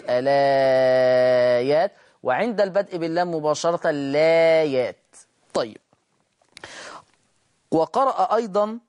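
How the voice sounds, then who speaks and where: A middle-aged man with an Egyptian accent teaching a televised Quran recitation lesson. He explains quickly in a mix of dialect and formal Arabic, then slowly chants the example words. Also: a little high, a little mellow.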